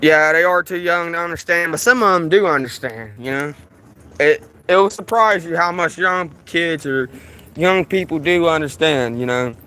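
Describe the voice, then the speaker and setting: A man's voice: a little high, normal speed, bright, forceful tone, clean tone, low-quality recording. A man vlogging outdoors on a hot day, sweating and talking in a casual, repetitive ramble full of restarts. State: sweating in the heat. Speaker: vlogger filming police in his town.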